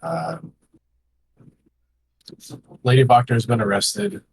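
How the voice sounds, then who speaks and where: A man's voice: mid-range voice, animated, takes it slowly, vocal fry, background noise. A man narrating a tabletop game as game master, hesitant, full of fillers and restarts.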